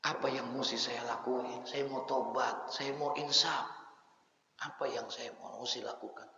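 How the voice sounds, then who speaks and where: A man's voice: medium pitch, steady tone, unhurried, creaky, pushed and bright, slight background noise, voice pushed down. A man voicing a tattooed young man, a former convict, who pleads fearfully and tearfully to repent. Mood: tearful whisper. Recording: echoey hall, dull lo-fi sound.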